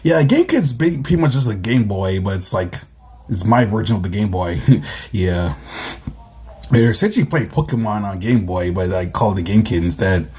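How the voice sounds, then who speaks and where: Husky-voiced man, rambling commentary. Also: on the low side, expressive, normal speed, darkish tone. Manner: rambling, giggly, filler-heavy. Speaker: webcomic creator. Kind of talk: comic reading commentary.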